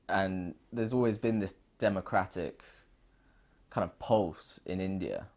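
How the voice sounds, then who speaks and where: A British man speaking earnestly and reflectively in an oral history interview, thinking aloud with frequent restarts. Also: low-pitched. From United Kingdom.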